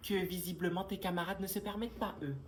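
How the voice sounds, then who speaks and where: Sketch actress with a stern, dry delivery, faint background noise. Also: female voice, on the low side, fairly even intonation, quick pace. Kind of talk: comedic POV sketch, playing a teacher and a mother.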